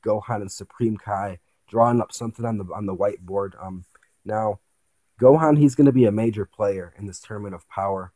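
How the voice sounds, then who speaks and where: A man with a fairly low, very mellow voice hosts a casual anime preview breakdown. He speculates out loud, posing questions and repeating himself for emphasis. The sound is dry and close, with very little room in it. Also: no echo. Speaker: host of an anime commentary channel.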